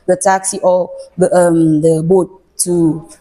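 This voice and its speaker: A young woman working as a cashier answers interview questions in a shy, halting way. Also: fairly low pitch, level tone, dark tone.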